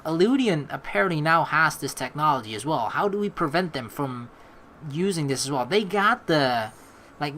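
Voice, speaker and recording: With a medium-pitched voice over faint background noise, someone playing a game reads its text out and rambles through halting, casual commentary as thoughts come.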